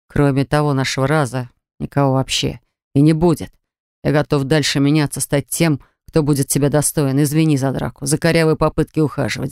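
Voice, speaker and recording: A woman narrator voicing a remorseful husband who begs his wife to come back, speaking low and hushed in an audiobook. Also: smooth, dry recording, clean studio sound, natural voice.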